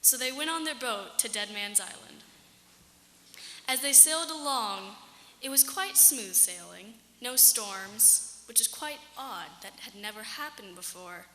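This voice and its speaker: A woman with a bright, fairly high voice tells a tall tale at a slow, halting pace. She sounds like she is improvising, in a reverberant hall with faint noise. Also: animated. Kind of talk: folksy tall tale storytelling, narrated on stage. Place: indoor hall at a storytelling contest. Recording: echoey, noisy hall.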